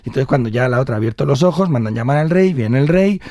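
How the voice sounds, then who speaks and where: A middle-aged male storyteller tells an oral folk tale in a lively, chatty manner. His voice is mellow and dark, and it is recorded close and dry. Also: medium pitch, quick pace, dry recording. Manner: lively, conversational.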